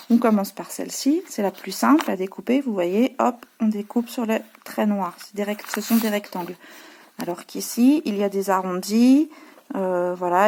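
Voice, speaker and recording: A woman's voice: medium pitch, gravelly, dark tone. A woman teacher with a French accent, patiently explaining her pupils' home worksheets to parents, with many hesitations. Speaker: preschool teacher.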